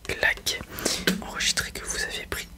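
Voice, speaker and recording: A person doing a whispered role-play as a polite, helpful librarian, in a breathy, unvoiced whisper close to the microphone. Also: very high voice, huge pitch swings, moderate pace. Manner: polite, helpful customer-service patter. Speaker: ASMR performer playing a librarian.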